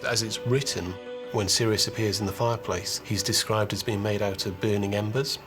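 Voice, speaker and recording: A man's voice: lowish voice, fairly even intonation, fairly quick. A man who works in film effects, giving a technical, explanatory documentary interview. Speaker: visual effects filmmaker. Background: music.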